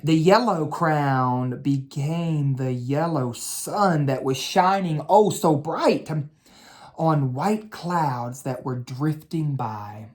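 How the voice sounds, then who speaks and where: Reading to children at bedtime, an educator speaks in a fairly high male voice. He is gentle and instructive, stretching out key words as he goes.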